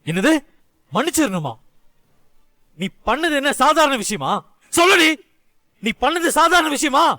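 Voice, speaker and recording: A man's voice: very high voice, very animated, moderate pace, bright, forceful tone, no room sound, exaggerated voice. An actor dubbing an angry young husband who harshly accuses his wife, in a dry studio voice-over. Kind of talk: Tamil serial dub acting.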